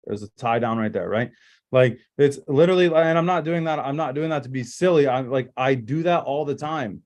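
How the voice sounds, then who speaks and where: A man's voice: mid-range voice, a little fast, a little mellow. A man leading a casual sales training over a group video call, talking in emphatic, rambling bursts with lots of fillers and restarts.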